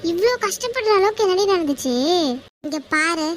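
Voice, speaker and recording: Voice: very high voice, lively intonation, normal speed, a little hiss or hum. A performer voicing a young woman in a cartoon, the bossy best friend who scolds, teases and protects. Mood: comforting. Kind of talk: Tamil slang chat, cartoon voice acting.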